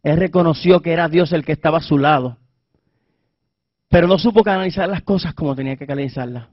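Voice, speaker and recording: A man preaching a fervent sermon, his voice fairly high for a man. He swings from loud emphasis to hushed tones. The recording is dull and dry, lo-fi. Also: quick pace, dry recording.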